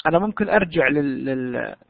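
Man, English teacher, raised pitch, asks then answers himself, dry phone-quality audio. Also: lively intonation, a little fast, gravelly, no room sound. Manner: explains step by step, asks and answers his own questions. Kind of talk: online English lesson. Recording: dry tinny phone-like line.

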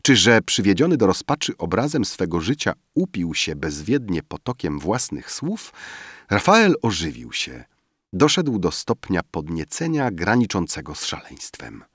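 A man reading a classic novel aloud as an audiobook narrator, measured and expressive. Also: low voice, breathy edge, no room sound, clean studio sound. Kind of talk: scripted narration.

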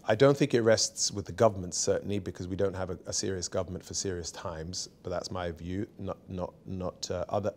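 A man's voice: deep voice, slight background noise. A man in his forties, a barrister, speaking candidly and emphatically as an interview guest in a small studio. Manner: emphatic, candid, lively anecdotes. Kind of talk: seated conversational interview. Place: small bright studio set.

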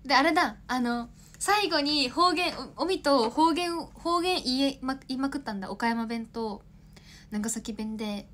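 A woman's voice: sits high, normal speed, a bit bright, slight background noise. A young woman in her twenties, an idol chatting casually on a livestream, rambling, laughing often and answering viewer comments.

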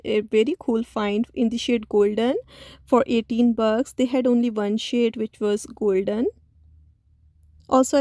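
A woman narrating a store shopping video in a voice-over, speaking slowly. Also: a little high, mellow, no room sound, clean studio sound. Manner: slow, listy, with many "uh" pauses. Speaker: shopping vlogger.

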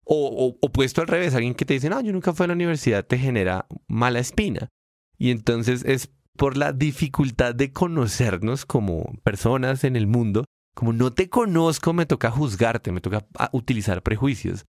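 A man talks through ideas on a casual podcast, his voice jumping up in pitch when he stresses a point. His mid-range voice sits close to the mic with a dry, dead sound and no room around it. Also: lively intonation, moderate pace, a little mellow, no echo. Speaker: podcast co-host.

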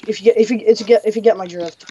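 A woman's voice: mid-range voice, fairly even intonation, rapid-fire, dark tone, a little hiss or hum. Rambling young woman on muffled voice chat. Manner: rambling, stumbles over words. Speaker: co-commentator. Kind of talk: casual chat over a game.

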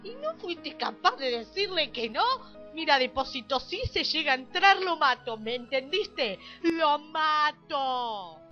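A jealous young lawyer with a Rioplatense accent, hot-tempered and tearful, as a woman plays her in an amateur parody drama. Her voice sits very high and rings bright and sharp. Faint music runs underneath. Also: lively intonation, unhurried, muffled recording, full character voice. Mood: furious. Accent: Argentine Rioplatense Spanish. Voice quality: weepy, shrill and melodramatic.

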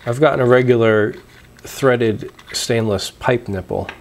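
Relaxed and a little slow, a young man at medium pitch walks viewers through homebrewing parts, demonstrating as he explains. Fillers and restarts pepper his casual show-and-tell, recorded on a lapel mic in a small home room.

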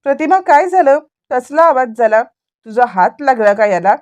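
A worried middle-aged father, protective and pleading as he questions, voiced by a woman narrator. The voice stays high and close to her own, with no attempt at a male sound. The anxious, searching questions carry the part. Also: very animated, moderate pace.

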